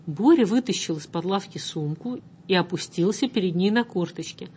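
A woman narrating a story aloud in an even, measured way. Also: lowish voice, slight background noise. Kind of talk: audiobook story reading.

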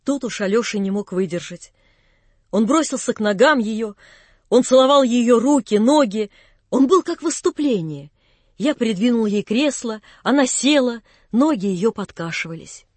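Audiobook reader: woman, calm measured narration, breathy, dry close sound. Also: fairly high pitch, no echo. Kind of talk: scripted narration of a classic novel.

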